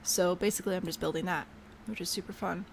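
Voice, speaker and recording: A woman's voice: on the low side, fairly even intonation, quick pace, creaky, a little hiss or hum. A woman chatting casually to herself while she builds in a video game, bubbly and prone to trailing off mid-thought. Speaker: game streamer.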